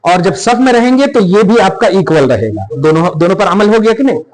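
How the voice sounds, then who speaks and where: A man's voice: high-pitched, animated, brisk, darkish tone, low-quality recording. A man explaining religious practice step by step in a podcast, emphatic and checking that the listener understands. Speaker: Islamic scholar teaching prayer. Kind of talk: religious instruction in a podcast conversation.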